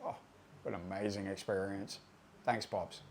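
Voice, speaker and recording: A man's voice: low-pitched, level tone, normal speed, a little hiss or hum. A man, casually telling a profane, rambling anecdote about his tattoo mentor, full of fillers and asides. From Australia. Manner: laid-back, profane, conversational with fillers. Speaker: tattoo artist storyteller.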